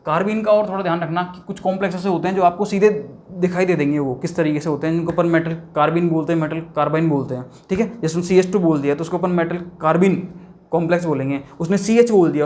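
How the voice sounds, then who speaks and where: Lecturing on chemistry at the whiteboard, this teacher keeps a chatty style, quizzing himself and supplying the answers, with frequent "theek hai" and "bhaiya." He sounds on the high side, with a darkish tone.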